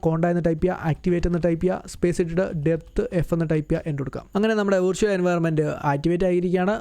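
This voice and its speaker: A man hosting a screen-recorded software tutorial, talking through each step in a chatty way and correcting himself as he goes. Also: on the high side, smooth, dry recording. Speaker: tutorial host.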